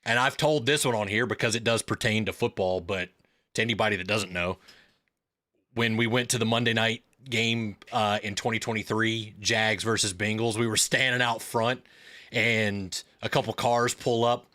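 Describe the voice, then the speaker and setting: A man's voice: lowish voice, fairly even intonation, moderate pace, sharp tone. A man in his thirties hosting a live stream, chatting casually and telling rambling stories. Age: 30s. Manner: rambling storyteller with filler words and restarts.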